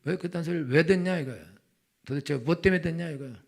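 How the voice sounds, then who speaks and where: A man's voice: on the high side, fast talker, gravelly. A middle-aged male pastor preaching a colloquial sermon, telling stories and acting out the voices of the people in them. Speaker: senior pastor.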